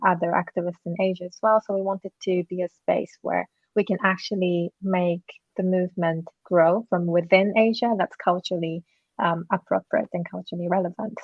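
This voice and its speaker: A woman's voice: lowish voice, steady tone, normal speed, no echo, muffled recording. A woman from Japan answering as a panelist, speaking earnestly and thoughtfully with fillers and small self-corrections. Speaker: panelist, co-founder of an activist group.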